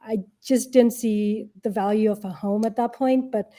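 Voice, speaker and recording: A middle-aged woman, a tech product leader and investor, answers interview questions casually and conversationally, often acting out imagined quotes to make her points. Her warm voice is a little high, with fairly even intonation and a moderate pace.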